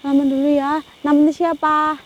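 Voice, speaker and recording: A young woman on a ghost-hunting vlog, talking softly and with pity to an unseen spirit and often breaking into Islamic exclamations. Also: high voice, flat delivery, a little fast, lo-fi sound. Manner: hushed and pitying, with frequent Islamic exclamations.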